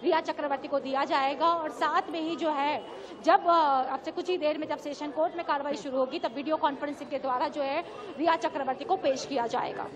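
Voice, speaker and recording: High-voiced woman reporting live over a crowd. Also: steady tone, a little fast. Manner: fluent, filler-heavy reporting. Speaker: field reporter.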